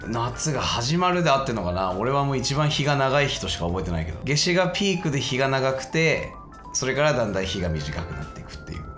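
A man with a hoarse, gravelly rasp from a sore throat, chatting and teasing casually as a podcast co-host. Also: medium pitch, sing-song, fast, fairly bright tone, echoey room, faint music behind. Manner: teasing, mock-complaining. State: sore throat, voice partly lost. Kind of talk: casual banter.

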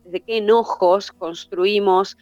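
A woman's voice: mid-range voice, steady tone, takes it slowly, darkish tone, no room sound, faint music behind. A woman who runs workshops, talking in a flowing, teacherly way and building her points through lists. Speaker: workshop facilitator. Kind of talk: reflective conversation. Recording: dull lo-fi sound.

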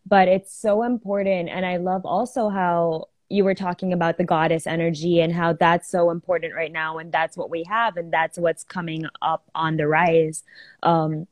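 A woman with a slightly low voice hosts a casual live chat on spirituality. She affirms her guest often and pauses with frequent ums. The sound is dry and close. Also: level tone, no echo. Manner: warm-hearted, affirming, many "um"s. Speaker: host of a live video chat.

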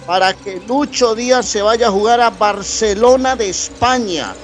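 A man's voice: high voice, a little slow, faint music behind. A man co-hosting a radio show, chatting casually and hyping up news with teasing banter. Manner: excitable, teasing, hypes news. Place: radio studio.

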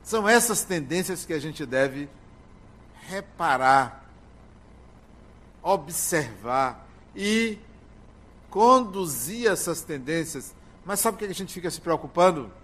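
Older man giving a slow spiritual talk. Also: fairly high pitch, animated, a bit bright. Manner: slow, emphatic delivery with drawn-out words and pauses. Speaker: spiritist lecturer. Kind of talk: spiritual lecture.

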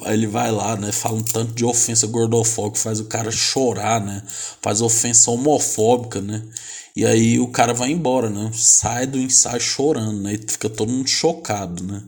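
A young man with a Brazilian accent casually retelling a film's plot, chatty and slangy, tagging nearly every phrase with a quick question. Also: on the low side, steady tone, a little mellow. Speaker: film recapper.

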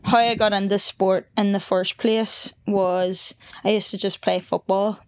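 Young woman, Donegal Irish accent, medium pitch, casual conversation, podcast guest. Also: flat delivery, unhurried, clear, resonant tone. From County Donegal, Ireland. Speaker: podcast guest, newly qualified fitness coach. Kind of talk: casual chat.

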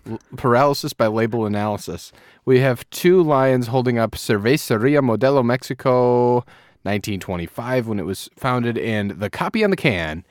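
A man's voice: medium pitch, animated, normal speed, no echo, clean studio sound. A man with a Wisconsin accent chatting casually and a bit crudely as a podcast co-host reviewing beer, in a rambling way.

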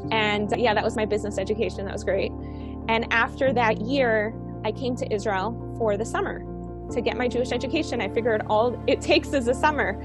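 A woman's voice: fairly high pitch, fairly even intonation, brisk, music in the background. A woman in her forties from Colombia, a guest author talking casually and with enthusiasm in an interview. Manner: upbeat, enthusiastic.

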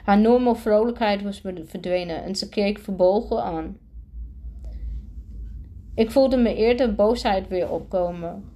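Woman, storybook reading, first-person narration, frequent self-corrections, dark mellow voice. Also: medium pitch, measured pace, long pauses. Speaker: reader.

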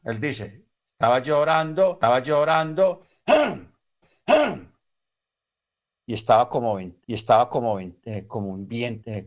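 A man telling a story as a preacher, repeating each phrase with sudden emphatic bursts. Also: medium pitch. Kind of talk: storytelling sermon.

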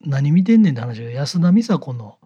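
A man's voice: a little high, sing-song, fast, mellow, husky, lo-fi sound. A man from the Kyoto area with a Kyoto-style Kansai accent, chatting casually as a co-host. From Kyoto area, Japan. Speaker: podcast co-host. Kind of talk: casual chat.

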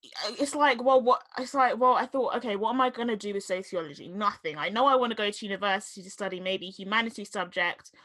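A woman's voice: medium pitch, fast, bright, forceful tone. A young British woman from London, interviewing a guest in casual chat and telling her own stories with quoted thoughts. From London, England. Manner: chatty, storytelling with quoted inner thoughts.

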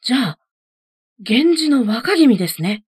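A woman's voice: mid-range voice, lively intonation, measured pace, darkish tone, husky, dry recording, studio quality. A woman voicing a huge warrior monk who speaks in a polite, earnest way after being beaten, in a storybook reading. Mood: humble.

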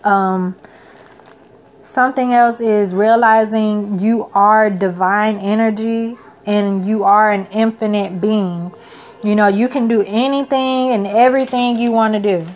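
Slow, earnest young woman podcaster. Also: mid-range voice, fairly even intonation. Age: 20s. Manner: rambling, heavy with "you know" and "like" fillers; earnest, encouraging. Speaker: podcast host. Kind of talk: casual self-help podcast monologue.

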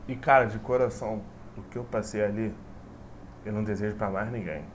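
A man's voice: fairly low pitch, steady tone, brisk, heavy background noise. A man, telling a personal story in a casual, rambling way full of fillers. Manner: rambling, repetitive, full of "tipo assim" fillers.

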